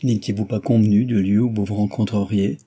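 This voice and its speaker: A man's voice: lowish voice, fairly even intonation, fairly quick, warm tone, breathy edge. A man reading aloud, voicing a grave older family friend who warns and admonishes.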